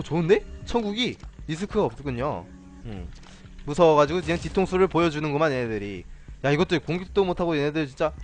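Taunting, lively male game streamer. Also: on the high side. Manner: playful, taunting enemies, mock-villainous asides, swears. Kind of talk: casual gameplay commentary.

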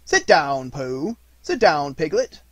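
A man's voice: a little high, huge pitch swings, a little fast, breathy edge, dry recording, full character voice. A man voicing a kindly, pompous owl in a storybook, with a solemn and formal manner.

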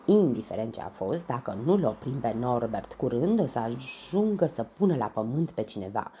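A woman storyteller reading a children's bedtime story in an expressive, animated way. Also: rumbling low, slight background noise.

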